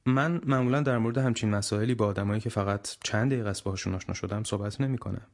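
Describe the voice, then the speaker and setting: A polished male television interviewer speaks cautiously and guards his words, voiced by a man reading an audiobook. The voice stays low and close to the reader's own. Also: a little mellow, close to an everyday voice. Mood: guarded.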